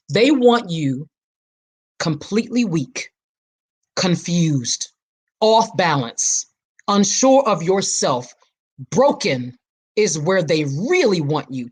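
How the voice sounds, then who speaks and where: A woman's voice: on the low side, darkish tone, breathy edge. A woman hosting her own podcast in an impassioned, preacher-like monologue, repeating phrases for emphasis. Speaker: podcast host.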